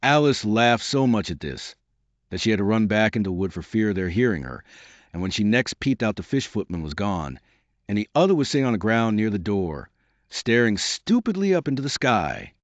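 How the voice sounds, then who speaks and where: A man narrating a classic children's tale as an audiobook, in a lively, expressive way. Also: lowish voice, a little fast, no room sound, muffled recording.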